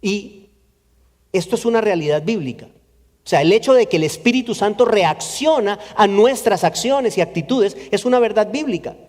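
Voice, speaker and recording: A man's voice: sits high, expressive, normal speed, darkish tone. A man preaching a sermon earnestly in a church, repeating phrases for emphasis. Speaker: pastor. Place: church sanctuary. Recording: long church reverb.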